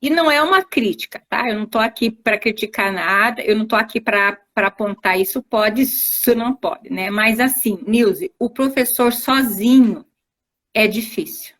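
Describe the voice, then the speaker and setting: A woman's voice: a little high, normal speed, a bit bright. A woman teacher giving explanatory interview answers, working through step-by-step examples and often checking in with tag questions. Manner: didactic, spells out examples, frequent tag questions. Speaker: teacher, invited guest. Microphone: video call on a live stream.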